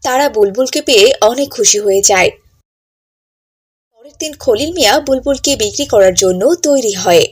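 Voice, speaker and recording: A woman narrating a cartoon story in a calm, scripted storytelling manner. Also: fairly high pitch, normal speed, slightly rough.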